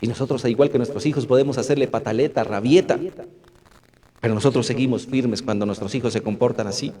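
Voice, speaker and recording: A middle-aged pastor preaches to his congregation, pausing on rhetorical questions and coming back to "my brothers" again and again. His voice sits at an ordinary man's pitch. The sound rings with the long reverb of a church hall. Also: steady tone, a crowd in the background. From Colombia. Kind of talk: sermon. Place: church hall with about fifty or sixty people.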